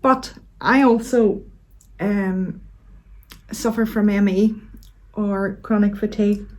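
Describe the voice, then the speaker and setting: A middle-aged woman with a Northern Irish accent chats casually as a vlog host, gently and unhurriedly, with hesitant pauses. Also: mid-range voice, steady tone. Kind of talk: casual chat to camera.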